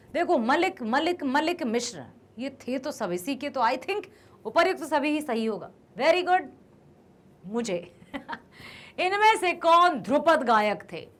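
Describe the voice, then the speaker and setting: A woman's voice: high voice, a bit bright. A woman teacher going through quiz questions with students, asking questions, praising their answers and stressing careful pronunciation. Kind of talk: Hindi quiz lesson for students.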